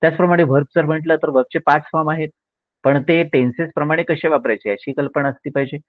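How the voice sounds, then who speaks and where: A man teaching English grammar in a lecture, rattling off drilled lists of tense endings and slowly dictating example sentences word by word. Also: on the high side, fairly even intonation, dry recording. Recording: dry, tinny phone-like sound.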